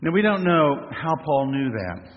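An older man preaching a sermon from the pulpit in a measured style that climbs into emphatic flourishes. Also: on the high side, big pitch swings. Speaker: pastor. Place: church. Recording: reverberant church, dull lo-fi sound.

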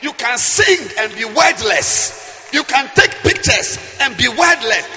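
A man with a West African accent preaching a fiery, animated sermon, emphatic and repetitive, swinging from shouts to hushed asides. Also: very high voice, takes it slowly. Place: large indoor church hall. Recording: echoey hall, slightly dull sound.

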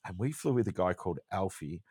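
A man's voice: deep voice, lively intonation, quick pace, a little mellow, breathy edge, dry recording, studio quality. A man with an Australian accent, co-hosting a podcast and telling a travel story in a chatty, jokey way. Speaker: podcast co-host. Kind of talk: casual chat.

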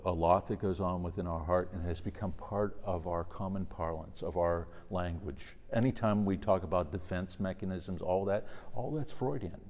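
Man, low voice, priest, reflective religious lecture and prayer, long cathedral-like echo. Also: a little mellow. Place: large reverberant indoor room. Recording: echoey hall with long reverb.

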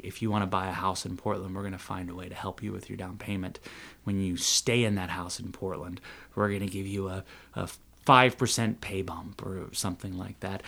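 Low gravelly man, chatty and joking. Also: a bit bright. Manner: chatty, sarcastic, laughs at own jokes. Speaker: city council candidate. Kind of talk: podcast interview, casual.

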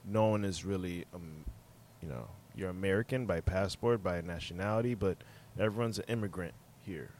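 A man's voice: low-pitched, normal speed, few pauses, a little mellow, slight background noise. A man raised in Haiti, hosting a podcast in a casual, searching way, full of "you know" and "you see what I'm saying". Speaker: podcast host.

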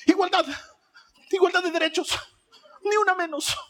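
A man voicing a mouthy, defiant preteen girl who talks back to her mother in a shrill, sassy tone. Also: fairly even intonation, moderate pace.

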